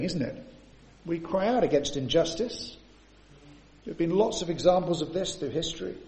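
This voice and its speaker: A man's voice: fairly high pitch, warm tone. Man preaching a sermon in an echoey church. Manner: asks rhetorical tag questions.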